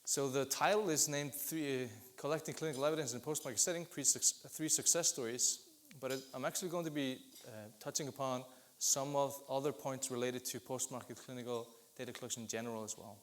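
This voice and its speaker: A man's voice: medium pitch, a little fast. Man giving a conference talk. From Iceland. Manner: steady explanatory delivery with occasional restarts. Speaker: business development lead presenting at an industry event. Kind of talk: conference presentation.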